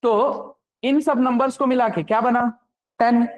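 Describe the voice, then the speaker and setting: A man's voice: extremely high pitch, fairly even intonation, lo-fi sound. A man giving a programming lecture, often stopping to ask if the class understands. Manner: keeps checking understanding with quick questions. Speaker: programming instructor.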